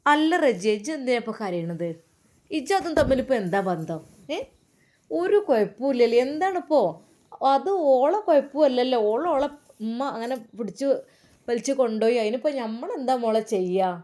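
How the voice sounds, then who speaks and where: A kind older village mother with a Malappuram accent soothes and gently scolds a younger woman, voiced by a woman storyteller. Her tone is homely and consoling, fairly high in pitch, like a figure in a storybook. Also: animated, normal speed, lightly acted. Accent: Malappuram Malayalam.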